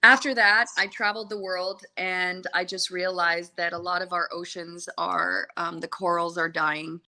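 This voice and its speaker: On a rough recording, a travel journalist and social media consultant speaks at a moderate pace in a low, level, pushed and bright voice. Born in the Seychelles and sounding American, she rambles earnestly through her own story in a conversational podcast interview.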